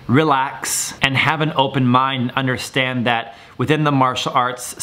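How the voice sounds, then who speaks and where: A man's voice: medium pitch, pushed and bright. A young man, a martial arts instructor, explaining terms in a video lesson and repeating words for viewers to copy.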